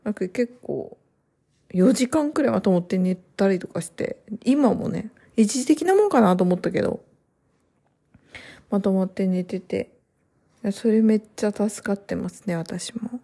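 Woman chatting to camera, mellow warm voice, soft and rambly, lots of fillers, new mom vlog vibe. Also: medium pitch, unhurried, creaky. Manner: trails off in long run-on sentences. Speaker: vlogger and new mother. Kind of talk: casual chat to camera.

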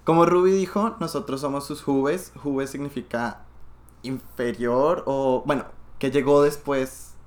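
A man's voice: medium pitch, steady tone, measured pace. A young man co-hosting a casual chat, playful and joking in asides. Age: young adult. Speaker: podcast co-host.

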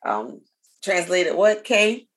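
A young woman co-hosting a relaxed podcast, her lowish voice carrying a gravelly edge. She tells stories with animation and laughter, slipping into voices. She comes from a Haitian family. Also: slow. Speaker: podcast co-host. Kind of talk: casual podcast chat.

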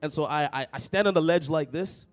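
Here the young man's voice sits on the high side and moves fairly quickly. He's a pastor from Toronto, Canada, giving an animated, jokey sermon laced with personal storytelling and direct call-outs to the congregation.

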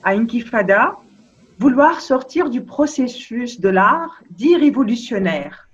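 A woman's voice: on the high side, animated, a little slow. A woman hosting an interview, asking pointed, probing questions. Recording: dull lo-fi sound.

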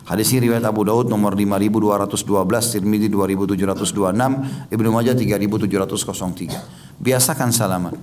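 A man giving a religious lecture, explaining hadith and reciting verses in Arabic with a steady teaching manner. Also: lowish voice, fast talker, a little hiss or hum. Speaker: Islamic preacher.

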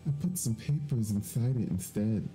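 A man voicing a calm, measured older sister who works as a lawyer, slightly raised from his own voice, while reading a game aloud. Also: on the low side, soft background music, close to an everyday voice, rough recording. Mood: apologetic. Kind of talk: let's play voice reading.

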